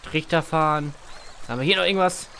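A man's voice: on the high side, quick pace, creaky, background noise. A man hosting a let's play, casually commenting on the game, reading its text aloud and joking as he goes. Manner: playful, reads game text aloud and jokes. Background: faint game music.

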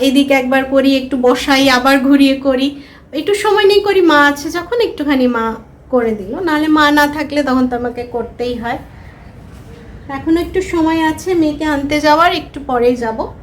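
A woman's voice: high-pitched, slight background noise, poor audio. A woman in her thirties with a Bengali accent, chatting casually to viewers while doing chores at home. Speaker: vlogger, mother. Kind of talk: casual home vlog narration. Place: home, kitchen and rooms.

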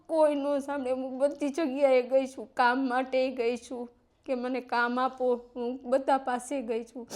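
A woman's voice: high voice, darkish tone. A woman, pleading for help in an interview and tearful at times. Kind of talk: emotional plea in an interview.

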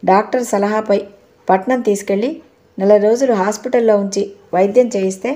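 A woman narrating a novel in a steady, measured storytelling voice. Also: mid-range voice. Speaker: audiobook narrator. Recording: dull lo-fi recording.

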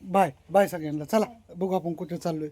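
A young man vlogs into his handheld phone, rambling along with plenty of fillers. His voice sits high for a man. A faint hum of background noise runs under the speech. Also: steady tone, a little fast, dark tone. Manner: chatty, loose rambling delivery with frequent fillers. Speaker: vlogger. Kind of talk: casual chat to camera.

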